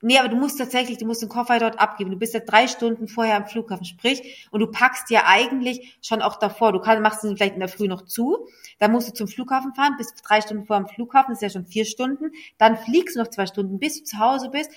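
A woman chatting casually and telling a story at a brisk clip. Her voice sits a little high, and she rattles through details quickly in a lively, animated way. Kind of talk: casual chat.

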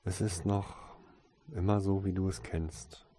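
A man with a deep, husky voice voicing a gentle, youthful young woman who speaks softly and tenderly, in an audiobook reading. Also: measured pace, full character voice. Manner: soft, tender and affectionate. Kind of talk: audiobook character voice.

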